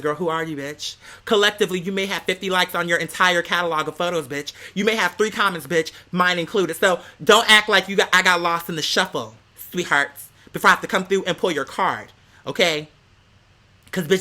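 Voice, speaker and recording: Sitting high in pitch, this man's voice comes out pushed and bright. He's an American vlogger telling viewers a casual story in rant form, with sassy, theatrical delivery and plenty of slang.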